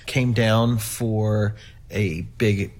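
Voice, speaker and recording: A man's voice: on the low side, steady tone, drawn-out words, darkish tone. A man co-hosting a podcast with playful, jokey casual chat, recorded in a big, echoey, cavernous room. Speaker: podcast co-host.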